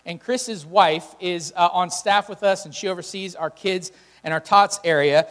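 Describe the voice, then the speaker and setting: A man's voice: high voice, moderate pace, fairly bright tone. A man speaking as a pastor, giving informal welcomes and announcements and addressing his congregation directly in a conversational way. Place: large church room with PA. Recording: hall reverb, music behind.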